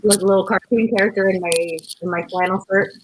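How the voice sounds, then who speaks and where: A woman's voice: mid-range voice, steady tone, fast, noisy background. A woman chatting casually during an eating contest, telling anecdotes and peppering her talk with "like". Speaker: competitive eater.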